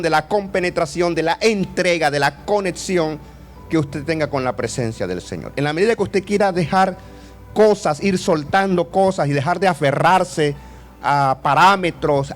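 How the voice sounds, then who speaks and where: Lively preacher in his fifties. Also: sits high. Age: 50s. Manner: lively, jokes and questions with the audience. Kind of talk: sermon.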